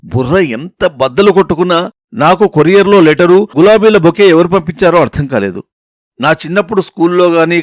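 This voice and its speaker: An expressive male storyteller narrating in the first person, with a voice that sits on the higher side. The recording is close and dry, with no room sound. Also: dry recording.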